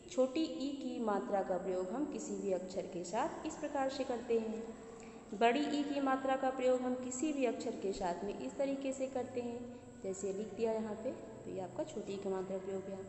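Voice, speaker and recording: A woman's voice: a little high, a little mellow. A woman teaching grammar to schoolchildren, who asks the class questions and then answers them herself. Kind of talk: grammar lesson for children. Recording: echoey room, faint background noise.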